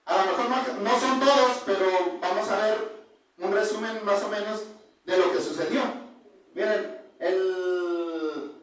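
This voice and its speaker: A man preaching an informal Bible sermon, constantly calling his listeners brothers and halting to restart his sentences. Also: high-pitched, a bit bright. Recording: echoey room, distant mic.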